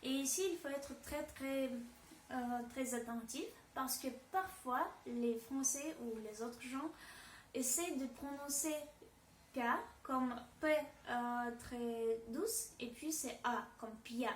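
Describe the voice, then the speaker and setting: A woman's voice: high-pitched, takes it slowly, echoey room, far from the mic, slight background noise. A woman with a Russian accent giving a pronunciation lesson, speaking hesitantly and repeating example words. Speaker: Russian language teacher. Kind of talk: language lesson.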